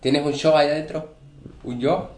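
A Venezuelan man in casual chat, talking in a measured, wry way. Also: fairly high pitch, steady tone, darkish tone. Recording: echoey room.

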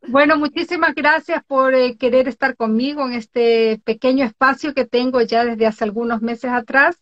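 A woman from Ecuador hosts a live online interview show from home. Her voice sits a little high, and she talks in a chatty, exclamatory way with frequent laughs. The call audio sounds dull and lo-fi. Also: steady tone, moderate pace, fairly bright tone. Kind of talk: casual live-stream chat. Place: home in Norway. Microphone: video call.

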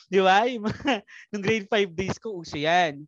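A man's voice: high voice, a little slow, no room sound, highs cut off. A Filipino man hosting a podcast, telling stories in casual chat and laughing often. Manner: animated, laughing often, code-switching. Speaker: podcast host.

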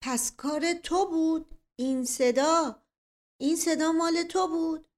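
A woman's voice: very high voice, steady tone, voice pushed up. A woman voicing a terrified young man who stammers in broken, trembling words. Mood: furious.

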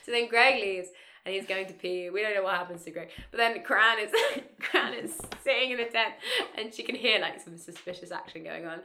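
A woman's voice: mid-range voice, a little fast, sharp tone, slight background noise. A woman co-hosting a casual podcast, recapping a film with crude jokes and frequent laughter. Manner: laughing, crude and playful, quoting lines in mock voices. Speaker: podcast co-host.

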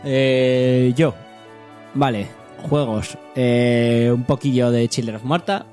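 A man's voice: medium pitch, slow, a little mellow, soft background music. A man with a Spain Spanish accent, co-hosting a casual gaming podcast. He talks in a loose, rambling way and swears freely. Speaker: podcast co-host.

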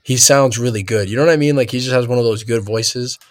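A man's voice: mid-range voice, fast, no echo. A young man hosting a casual gaming podcast, rambling and laid-back, laughing often as he talks. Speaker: podcast host.

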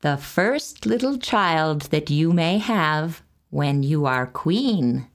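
A woman's voice: deep voice, lively intonation, slow, full character voice. A woman doing a sly little hobgoblin. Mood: bargaining. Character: droll hobbling little dwarf, wily bargainer.

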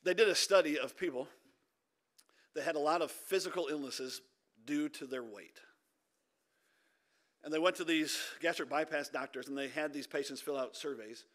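A man preaching a sermon as pastor in a church, emphatic, swinging between loud urging and quiet intensity. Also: a little high, moderate pace, pauses often.

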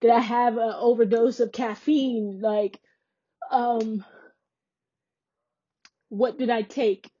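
A woman's voice: fairly high pitch, steady tone, takes it slowly, pauses often, mellow, breathy edge, dull audio. A woman hosting a podcast, earnestly and emphatically retelling a personal experience. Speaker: podcast host. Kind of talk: personal storytelling.

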